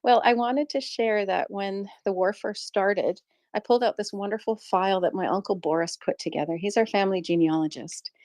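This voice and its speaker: A middle-aged Canadian woman who runs a small shop tells a personal story in casual chat on a live audio space, earnest and reflective, laughing often. Her mid-range voice moves fairly quickly and has a darkish tone.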